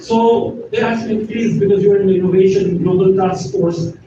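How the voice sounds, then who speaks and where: The older guest speaker's voice is high-pitched and steady in tone, moving at a moderate pace as he chats and jokes through an informal lecture, laughing with the university audience. Captured from afar in an echoey lecture hall, the audio is dull, noisy and lo-fi.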